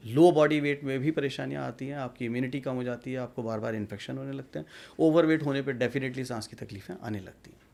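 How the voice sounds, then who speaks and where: Gravelly-voiced male doctor explaining calmly. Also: medium pitch. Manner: measured, explanatory, mixes English terms. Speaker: doctor, guest. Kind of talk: medical interview answers.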